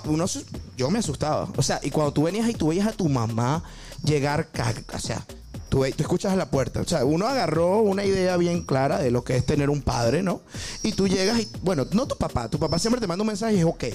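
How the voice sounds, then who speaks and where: A man's voice: a little high, lively intonation, a little fast, darkish tone, faint music behind. A man with a Venezuelan accent telling comic stories in a casual chat, teasing and slangy. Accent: Venezuelan Spanish.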